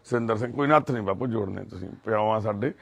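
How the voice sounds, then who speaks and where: A man's voice: lowish voice, very fast, vocal fry, dry recording. Consoling Punjabi man reporting on location. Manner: gentle and consoling. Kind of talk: on-location interview. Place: village home outdoors.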